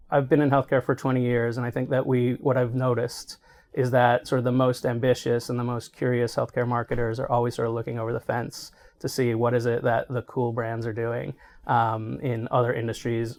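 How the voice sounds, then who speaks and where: A middle-aged healthcare marketing executive responds to an interviewer in a brisk, slightly mellow mid-range voice that barely shifts in pitch. He keeps it conversational, regularly checking in with "right?".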